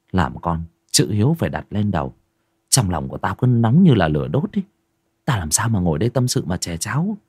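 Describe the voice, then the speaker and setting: A man voicing a worried young sorcerer in his thirties, speaking low, hushed and earnest in a spoken ghost story. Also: slightly rough, no echo, clean studio sound, heavily acted. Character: worried young male sorcerer back from the mountains.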